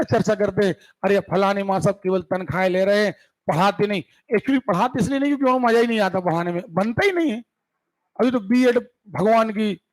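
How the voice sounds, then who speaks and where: A man with a high voice and a Madhya Pradesh Hindi accent teaches a grammar class for exam takers. He talks in a casual, joking way and keeps checking whether his students are following. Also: rough recording. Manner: asks students frequent check questions. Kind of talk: exam-prep grammar lesson.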